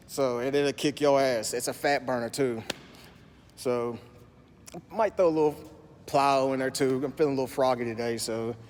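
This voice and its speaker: Country-accented man, slight lisp, slurry, cussing, rambling fitness vlog; long gym reverb, faint hum behind. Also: mid-range voice. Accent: Southern US country. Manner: profane, rambling, deliberately slowed. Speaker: fitness vlogger. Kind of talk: casual vlog monologue.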